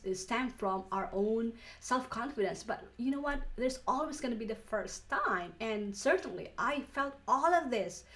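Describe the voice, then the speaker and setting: A woman from the Philippines, whose first language is Filipino, speaks with a Filipino accent in a slightly high voice. Working as an online business coach, she teaches an online course lesson earnestly, often restarting and laughing softly.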